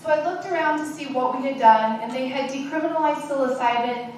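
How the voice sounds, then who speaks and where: High-voiced woman in an echoey hall. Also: fairly quick, recorded from a distance, slight background noise. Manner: candid, animated, acts out quoted voices. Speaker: conference speaker. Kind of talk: personal story talk. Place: conference hall.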